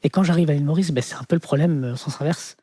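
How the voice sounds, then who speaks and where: A man from France with a Parisian French accent, in his thirties, telling his life story in an interview and pausing often on fillers. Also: on the high side, warm tone, husky, dry recording. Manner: hesitant, many fillers like "on va dire". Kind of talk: reflective personal testimony.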